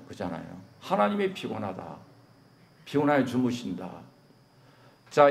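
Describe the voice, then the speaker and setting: Middle-aged pastor from Korea, sermon delivery, gravelly fry, slightly raised pitch, emphatic peaks and questions to the congregation. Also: male voice, a little mellow. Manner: mixes in English phrases.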